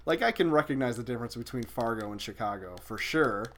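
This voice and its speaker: A man's voice: medium pitch, animated, fast talker, a bit bright. A young man casually chatting with viewers while streaming a video game, swearing and exclaiming as he plays.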